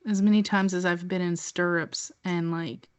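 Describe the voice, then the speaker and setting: A woman's voice: lowish voice, steady tone, moderate pace, clear, resonant tone, no room sound. A woman co-hosting a podcast, chatting casually with dry, wry quips. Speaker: podcast co-host. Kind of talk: casual chat.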